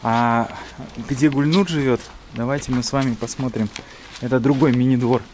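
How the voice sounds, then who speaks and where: A man's voice: medium pitch, steady tone, moderate pace, darkish tone, a little hiss or hum. A man hosting a charity show, interviewing people on location with friendly questions. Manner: friendly questioning, switching between two languages. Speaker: charity show host and reporter.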